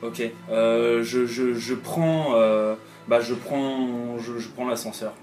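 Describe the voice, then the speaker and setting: A man's voice: mid-range voice, fairly even intonation, takes it slowly, darkish tone. A man playing in a tabletop game, stammering and repeating words as he searches for them. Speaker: player. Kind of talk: tabletop role-play. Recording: roomy echo, faint music.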